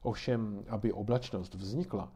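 Muž hrající laskavou babičku, trpělivě vysvětluje dětem, tlumený hlas, pohádková kniha. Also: male voice, fairly low pitch, steady tone, breathy edge. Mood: patiently explaining. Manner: patient, gently explaining. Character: kindly grandmother explaining weather to children.

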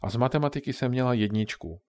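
A man's voice: mid-range voice, a little mellow, lightly acted. A man voicing a curious young granddaughter, raising his voice slightly. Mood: earnest.

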